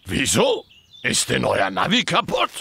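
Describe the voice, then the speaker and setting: A man voicing a hearty, gruff old grandfather dog in a children's cartoon, helpful in manner. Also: medium pitch, wildly swooping pitch, a little slow, bright, forceful tone, exaggerated voice. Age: older. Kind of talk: cartoon voice acting.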